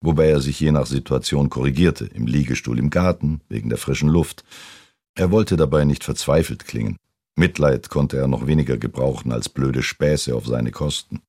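A man reading a novel aloud in a steady, unhurried way. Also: very deep voice, no room sound, studio quality. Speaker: audiobook reader.

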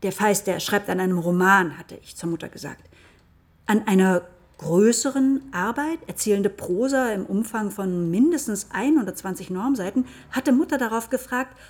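A woman's voice: medium pitch, moderate pace, close to an everyday voice. An actress playing a daughter who narrates her story in a dry, sardonic, emphatic way, in literary radio-play narration.

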